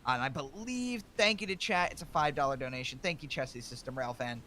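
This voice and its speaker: Bright-voiced man, halting livestream host. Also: mid-range voice, slight background noise. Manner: halting, hesitant, repeats words. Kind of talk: casual livestream chat.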